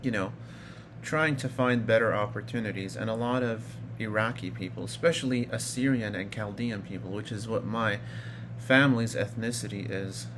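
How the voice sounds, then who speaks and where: A man's voice: lowish voice, moderate pace, noisy background. A man in his thirties from Iraq, casually telling his personal story in a rambling way, full of fillers and restarts. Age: 30s. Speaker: vlogger.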